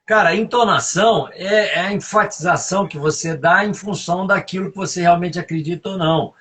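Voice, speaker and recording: A man's voice: sits high, a little fast, fairly bright tone, husky. A man, giving emphatic leadership advice as a guest in a live interview, often asking "right?". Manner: emphatic, coaching, fond of tag questions.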